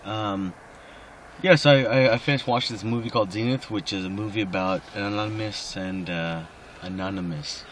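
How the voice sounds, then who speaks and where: A man's voice: fairly low pitch, fairly even intonation, a little fast, slight background noise. A drunk man rambling casually in a personal recording, slightly slurring and losing his thread.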